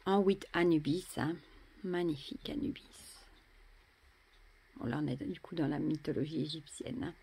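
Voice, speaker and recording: A French woman casually showing and admiring tarot cards, chatty, often dropping to a soft murmur. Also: low-pitched, fairly quick, gravelly, hardly any pauses, slightly rough. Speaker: tarot deck reviewer. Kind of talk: casual show-and-tell.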